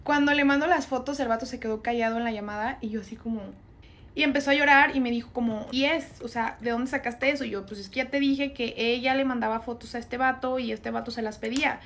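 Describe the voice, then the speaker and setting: A woman's voice: a little high, fairly even intonation, fast, a bit bright. A young Mexican woman casually telling a dramatic personal gossip story, chatty and full of slang. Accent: Mexican Spanish. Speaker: storyteller on social media.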